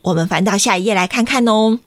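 A woman's voice: medium pitch, fast, no echo, clean studio sound. A woman storyteller reading a picture book aloud to children in a playful, sing-song way, often asking them questions.

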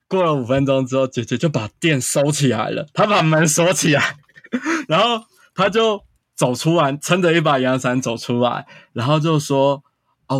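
A man's voice: medium pitch, no echo, clean studio sound. A man, a guest casually telling a long story full of quoted dialogue. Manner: animated anecdote-telling with quoted dialogue and frequent "然后".

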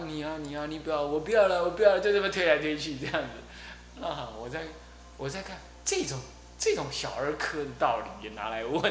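A middle-aged man, giving a Buddhist dharma talk as abbot and telling stories in a lively way, often repeating his fillers. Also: fairly high pitch. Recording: roomy echo with faint hum.

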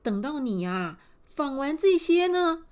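A woman voicing a grand, commanding queen in a told fairy tale, speaking loudly and with exclamations. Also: high voice, a little slow, voice pushed up. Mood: generous. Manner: loud, exclaiming, lively.

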